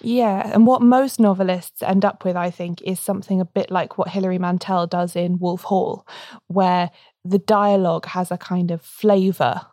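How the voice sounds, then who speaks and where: A woman's voice: fairly low pitch, fairly even intonation, moderate pace, mellow, no echo, clean studio sound. A woman co-hosting a podcast, talking casually and articulately in a book discussion. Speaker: podcast co-host.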